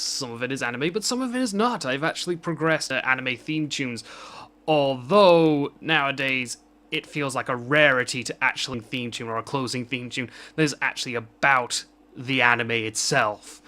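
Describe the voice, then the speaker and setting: Man, vlogger, bright tense voice, unscripted rambling rant, self-mocking. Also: mid-range voice.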